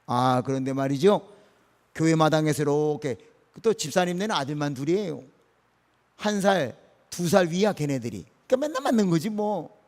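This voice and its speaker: A male senior pastor giving an animated early-morning sermon, speaking in a folksy, emphatic way to his congregation. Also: on the high side, normal speed. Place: church sanctuary. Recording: long reverb of a church hall.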